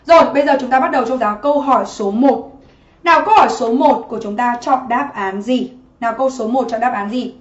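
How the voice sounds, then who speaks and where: A woman's voice: on the high side, quick pace. A woman teaching a livestream exam-prep lesson from her home office, chatty and constantly asking students to comment. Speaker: English teacher. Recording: muffled roomy livestream audio.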